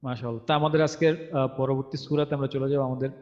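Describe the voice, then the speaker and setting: A male recitation teacher talks through the rules with patience. He slows down to chant each verse as a model. His voice comes through a dull, muffled line and trails off with a long echo. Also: mid-range voice, fairly even intonation, a little mellow. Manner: explains patiently, chants verses slowly to demonstrate. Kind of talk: online tajweed lesson. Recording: dull audio with long reverb.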